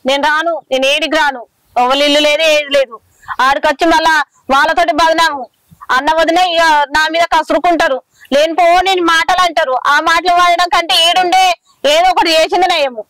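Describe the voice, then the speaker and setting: A woman's voice: very high-pitched, steady tone, a little fast, a bit bright, no room sound, rough recording. A woman playing a young village wife worn down by her drunk husband, bitter and complaining, with a Telangana Telugu accent. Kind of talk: village short film drama.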